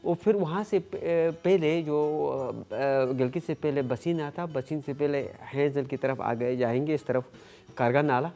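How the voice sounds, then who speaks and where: A man from Gilgit-Baltistan, a guest on a talk show, explaining things slowly with many filled pauses. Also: fairly high pitch, mellow. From Gilgit-Baltistan, Pakistan. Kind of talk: studio talk show conversation.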